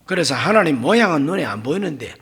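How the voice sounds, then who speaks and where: High, gravelly, dramatic preaching man. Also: very animated, fast, a bit bright. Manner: dramatic, voices scripture figures and drops to whispers. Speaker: pastor. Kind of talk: Sunday sermon. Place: church.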